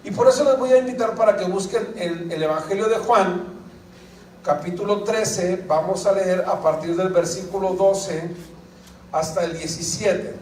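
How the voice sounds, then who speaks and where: A man with a high voice preaches to his congregation, often asking questions and drawing replies from them. He sounds a little far from the mic, in a roomy church hall with a faint hum of people behind him. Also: moderate pace. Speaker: pastor. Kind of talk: sermon. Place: church sanctuary. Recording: echoey church hall, picked up from a distance.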